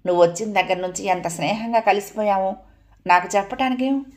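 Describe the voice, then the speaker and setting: A woman's voice: mid-range voice, fairly quick, darkish tone, lightly acted. A woman doing an anxious, caring young daughter. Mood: worried. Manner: worried, questioning.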